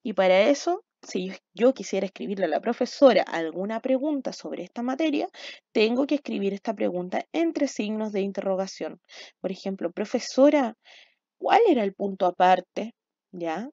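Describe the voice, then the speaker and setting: A woman's voice: mid-range voice, lively intonation, normal speed, gravelly, mellow, no echo. A woman teacher with a Chilean Spanish accent, giving a recorded lesson to young children, patient and often checking that they follow. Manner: patient, checks understanding with frequent "¿ya?". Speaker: primary school teacher. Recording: dull, dry lo-fi home recording.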